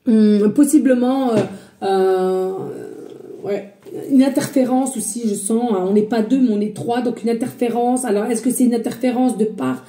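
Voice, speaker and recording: A psychic medium gives a reading on her casual spiritual guidance vlog, speaking at a moderate pace in a warm, fairly high voice she herself calls loud. She mentions her slight accent and is chatty and hesitant, addressing viewers as friends.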